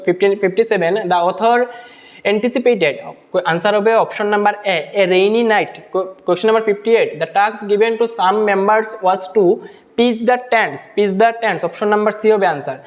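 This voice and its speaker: A high-pitched exam-prep teacher works through exam answers, slowly reading each question aloud in English before explaining it in Bengali mixed with English terms.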